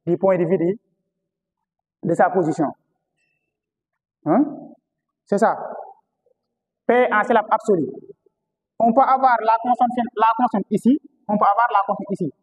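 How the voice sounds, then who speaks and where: High-voiced Senegalese French teacher lecturing. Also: male voice, moderate pace, long pauses, breathy edge. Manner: repeats key words, asks the class rhetorical questions. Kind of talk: classroom lecture on historical phonetics. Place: classroom. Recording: reverberant classroom.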